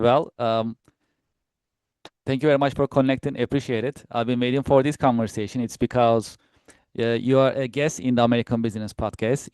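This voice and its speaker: A man's voice: mid-range voice, a little mellow, clean tone, no room sound. A man hosting a podcast interview, politely thanking his guest and hesitating with frequent uhs. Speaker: podcast host.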